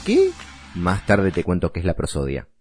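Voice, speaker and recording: A man's voice: low voice, wildly swooping pitch, moderate pace, over music. A man with a Rioplatense Spanish accent teaching voice imitation in a chatty, digressive way. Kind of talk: casual voice lesson.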